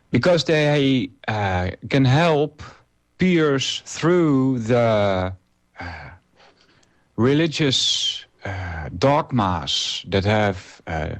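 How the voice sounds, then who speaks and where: Hosting a solo internet radio show, a Dutch man in his forties talks without a script, stumbling through lots of "uh"s and restarts. His voice sits on the low side.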